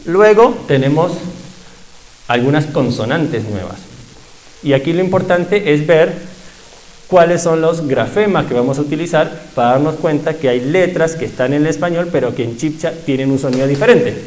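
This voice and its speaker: Man, language teacher, slightly high voice, patient, repeats sounds slowly. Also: animated, darkish tone, low-quality recording. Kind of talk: pronunciation workshop.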